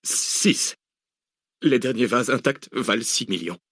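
A man's voice: medium pitch, measured pace, a bit bright, slightly rough, no echo, clean studio sound, pitched above the performer's own voice. A male audiobook reader voicing a terrified librarian who stammers out his answers. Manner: stammering, faltering.

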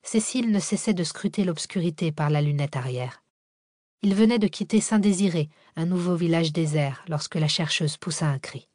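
A woman narrating a thriller audiobook in a steady, measured reading. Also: lowish voice, dry recording, clean studio sound. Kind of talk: scripted narration.

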